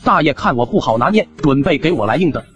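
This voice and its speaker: A man's voice: a little high, expressive, quick pace, a bit bright. A young man narrating his own comic cartoon story in a chatty, wry way.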